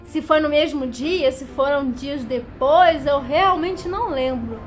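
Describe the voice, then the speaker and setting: Young woman from Brazil, high voice, animated storytelling, faint music underneath. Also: a little slow. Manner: animated, dramatic retelling. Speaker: vlogger. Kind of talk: casual storytelling.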